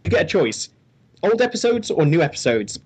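A man's voice: fairly high pitch, sing-song, brisk, darkish tone, husky. A man co-hosting a podcast in casual chat, with wry, self-deprecating humor. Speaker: podcast co-host.

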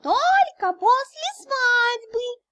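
A woman's voice: very high-pitched, big pitch swings, bright, forceful tone, no echo, pitched above the performer's own voice, exaggerated voice. A woman voicing a tiny winged female kitten with a prim, fussy old-lady temper, hissing and drawing out her words in an audiobook. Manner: hissing, drawn-out and whiny.

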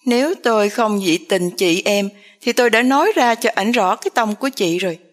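A woman's voice: mid-range voice, a little fast, lightly acted. Woman doing a spiteful, taunting young sister.

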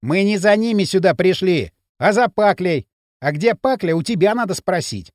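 A man's voice: high-pitched, lively intonation, normal speed, darkish tone, dry recording, studio quality. A man playing a mocking teenage gang leader who drawls and sneers. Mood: sneering.

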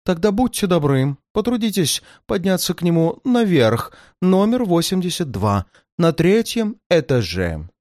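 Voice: medium pitch, sing-song, unhurried, few pauses, darkish tone, no room sound, pitched above the performer's own voice. An obliging hotel doorman in a detective storybook, courteous and deferential as he gives directions, as a reader puts him on. The sound is dry and close.

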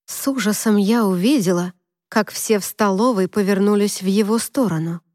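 A woman narrating a novel in the first person, in an even, measured storytelling voice. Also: medium pitch, no echo, clean studio sound. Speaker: audiobook narrator.

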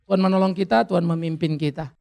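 A man's voice: fairly high pitch, steady tone, fast talker, gravelly, dark tone. A male pastor preaching a sermon, earnest and exhorting, talking directly and conversationally to his congregation.

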